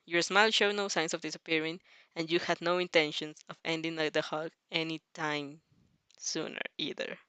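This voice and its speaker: Here a woman performs fan fiction as expressive story narration, adding casual asides for her listeners. Her low-pitched voice is smooth, pushed and bright, with a level tone at normal speed. The audio is dry.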